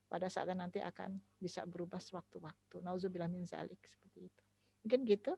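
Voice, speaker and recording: A woman, an Islamic speaker giving a relaxed, chatty talk on raising children, laughing often. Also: lowish voice, fast, gravelly, slightly rough, no echo.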